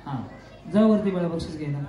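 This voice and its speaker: A man hosting a quiz for women at a festival event, loud and teasing, scolding noisy people in the crowd through a stage mic. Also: on the high side, fast talker. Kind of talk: live event emceeing over a PA. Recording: echoey PA with music and crowd.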